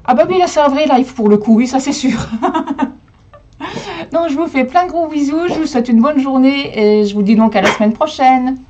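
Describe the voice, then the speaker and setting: A woman's voice: high-pitched, moderate pace, darkish tone, dull audio. A woman casually hosting a live crafting demonstration from home, chatting with viewers as she works. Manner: chatty, answers viewer comments and talks to her dog. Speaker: host of a live crafting stream.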